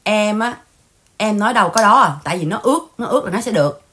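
A woman's voice: mid-range voice, lively intonation, fast talker, sharp tone. A woman hosting an online channel, chatting casually and mocking others in scolding gossip. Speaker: channel host. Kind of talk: casual livestream chat.

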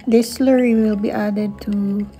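Middle-aged woman, Filipino accent, mellow and even tone, step-by-step cooking talk, home kitchen. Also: medium pitch, a little slow, soft background music, rough recording. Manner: mixes Tagalog asides into English, step-by-step. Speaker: cooking vlogger. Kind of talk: casual cooking narration.

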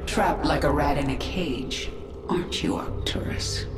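A ruthless, imperious alien warlord queen in a video game. Her voice is low and cold, with a monstrous echo, over loud music. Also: normal speed. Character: ruthless alien-infested swarm queen, commanding and vengeful. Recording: echoing, music behind.

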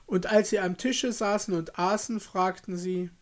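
A male storyteller reads a fairy tale in a calm, measured voice. His pace is notably slow and unhurried, giving every phrase room. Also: sits high.

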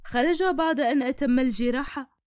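A woman narrating a cartoon story in the first person, with a brisk, dramatic manner. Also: high voice, background noise.

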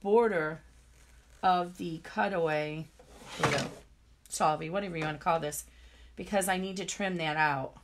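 A woman's voice: low voice, fairly even intonation, moderate pace, noisy background. A woman giving a chatty live-stream embroidery demonstration, greeting viewers and talking through each step as she works.

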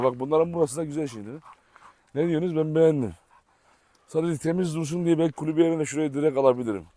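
A man's voice: fairly high pitch, a little mellow. A man vlogging outdoors in a yard, chatting with viewers and playfully calling and scolding his dogs. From Turkey. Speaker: vlogger, dog owner. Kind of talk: casual vlog talking to dogs and viewers.

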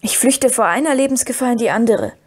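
A woman reading the part of Frodo, a worried young male hobbit who speaks hesitantly and gravely. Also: fairly high pitch, animated, fast. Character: earnest young male hobbit, burdened and anxious.

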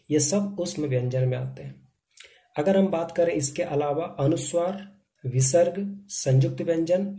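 A man's voice: fairly high pitch, gravelly, warm tone. A man teaching a grammar lesson, methodically listing examples one by one.

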